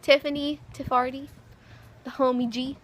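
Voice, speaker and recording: A woman's voice: high voice, little pitch movement, moderate pace. A teenage girl vlogging with a friend, giggly and playful in casual chat.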